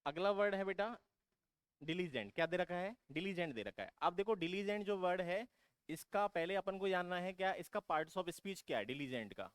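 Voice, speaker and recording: A man's voice: high voice, animated, a little fast, clear, resonant tone, no room sound. A man teaching exam vocabulary who keeps asking his students questions and then answering them himself, calling them "beta". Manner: repetitive, drilling explanation. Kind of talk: vocabulary lesson for exam prep.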